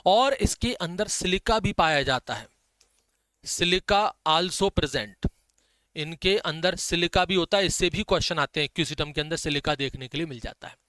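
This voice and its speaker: A man teaching a biology class in Hindi mixed with English, dictating notes and slowly repeating the key terms, with chatty asides. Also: on the high side, lively intonation, bright, forceful tone, no room sound.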